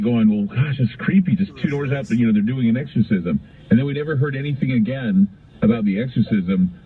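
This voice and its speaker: A middle-aged American man with a lowish voice hosts a call-in radio show, telling stories in a rambling, conversational way that keeps circling back on phrases. The sound is tinny and narrow-band, with slight background noise.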